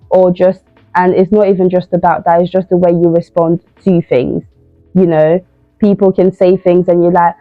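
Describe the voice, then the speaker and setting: A woman's voice: lowish voice, no echo. A young woman giving informal advice, casual and repetitive with many fillers. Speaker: youth crime-prevention speaker. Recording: tinny phone-like sound, dry.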